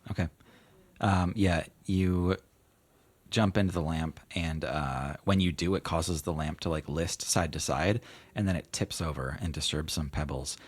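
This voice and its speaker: A man narrating a tabletop game as game master in a casual, halting, improvised way. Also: a bass voice, husky.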